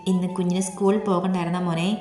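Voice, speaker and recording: A woman voicing a worried middle-aged mother who coaxes and questions her children gently, read as story dialogue. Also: on the low side, flat delivery, fast talker, natural voice. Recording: echoey room, long reverb, soft music.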